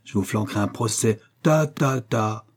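A man reading a novel aloud, voicing a furious, swearing older wine salesman in a raised, loud voice. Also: lowish voice, normal speed, lightly acted.

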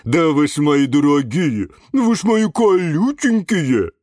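A man's voice: on the high side, animated, slow, darkish tone, no echo, studio quality, voice pushed up. A man voicing a kindly, chatty woman who keeps a greenhouse and coos at her plants in a storybook. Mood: cooing. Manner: cooing, nonstop chatter.

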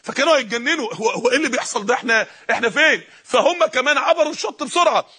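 A man's voice: very high-pitched, animated, very fast, sharp tone, slightly rough. A male preacher with an Egyptian accent giving an impassioned sermon, telling stories and rising to cries. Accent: Egyptian Arabic. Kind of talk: emotional sermon.

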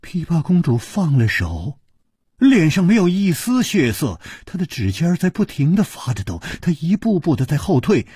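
Husky male storyteller, dramatic delivery. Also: fairly high pitch, very animated, normal speed, dark tone, dry recording, clean studio sound. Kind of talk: traditional storytelling.

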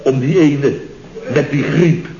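An actor playing a chatty, boastful boss of a construction firm in a 1960s radio comedy, talking in rambling, jovial asides. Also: male voice, a little high, takes it slowly, crowd noise. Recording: dull, roomy old radio recording.

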